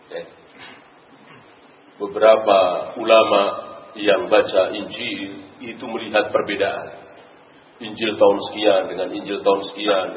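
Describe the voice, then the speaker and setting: A man preaching an Islamic lecture, asking rhetorical questions and explaining Arabic verses. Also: on the low side. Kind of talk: religious lecture. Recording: roomy, distant, dull recording with faint noise.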